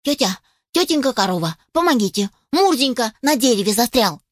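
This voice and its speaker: A woman's voice: fairly high pitch, very animated, normal speed, dry recording, studio quality. A woman voicing a loyal young male puppy who begs everyone for help. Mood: pleading. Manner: eager, pleading.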